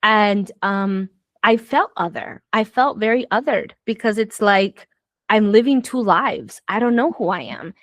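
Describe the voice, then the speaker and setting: Spanish is the first language of this woman raised in Southern Florida, US, who chats reflectively and casually, with many fillers and restarts and occasional bursts of exasperation. Her mid-range voice is a bit bright and animated yet unhurried, with no echo.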